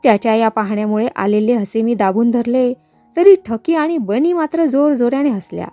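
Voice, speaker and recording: A woman reads a novel aloud as an audiobook narrator, in a measured storytelling manner. Her voice is high, recorded close and dry, with soft music underneath. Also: dry recording. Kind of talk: novel reading.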